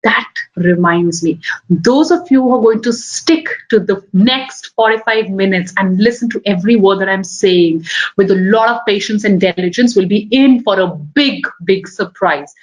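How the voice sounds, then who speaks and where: A woman's voice: medium pitch, moderate pace, poor audio. A woman with an Indian accent speaking as a biology teacher, giving an emphatic motivational lecture to students and repeating key phrases.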